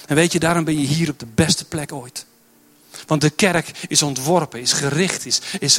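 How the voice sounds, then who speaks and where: A man's voice: fairly high pitch, fairly bright tone. Emphatic man preaching a sermon. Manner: builds to emphatic, repetitive exhortation. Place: church.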